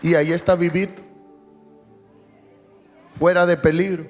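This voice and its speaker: Male preacher with a higher-pitched voice telling a story with jokes and hushed tender moments; reverberant sanctuary sound with soft music behind. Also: level tone, measured pace, some chatter behind. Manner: storytelling with jokes, dropping to a hushed tone for emotional parts. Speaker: pastor. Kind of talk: sermon. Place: church sanctuary. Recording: long hall reverb, faint music behind.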